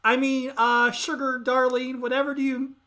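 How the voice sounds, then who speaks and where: A woman's voice: sits high, normal speed, sharp tone, pitched above the performer's own voice. Woman putting on a scheming were-snake lady, sugary belle drawl that slips, tabletop role-play. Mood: coy.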